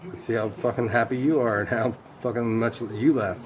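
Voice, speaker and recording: A man's voice: medium pitch, fairly even intonation, normal speed, a crowd in the background, rough recording. A man in rambling casual talk, complaining in a sweary, confrontational way.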